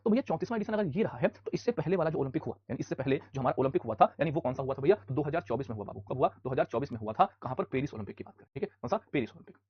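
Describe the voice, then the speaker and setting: A man runs a live online class and drills facts at a rapid clip. He keeps asking rhetorical questions and repeating the answers. His voice is husky and a little high, and the dry recording sounds muffled. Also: lively intonation, no echo. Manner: scolds students loudly at times. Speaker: online exam-prep teacher.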